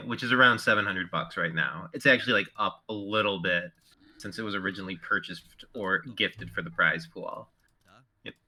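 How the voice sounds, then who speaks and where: A man's voice: fairly low pitch, sharp tone. A man co-casting a live strategy game tournament, analytical and talking with lots of "like" and "uh". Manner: analytical, filler-heavy, with many "like" and "uh". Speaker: co-caster.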